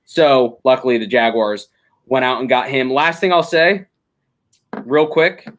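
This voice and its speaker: A man's voice: mid-range voice, unhurried. A young man hosting a casual sports podcast, talking through games analytically with frequent ums and restarts. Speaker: podcast host.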